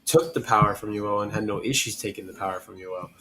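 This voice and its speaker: A man hosting a podcast, talking through fights casually with lots of pauses and "I mean". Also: lowish voice, fairly bright tone, slight background noise, low-quality recording. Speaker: podcast host.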